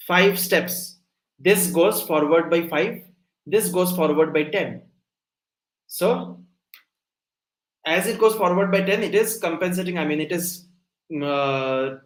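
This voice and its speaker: Echoey young man teaching coding. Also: on the high side. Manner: explanatory, asks frequent check-in questions. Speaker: coding instructor. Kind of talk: live online lecture.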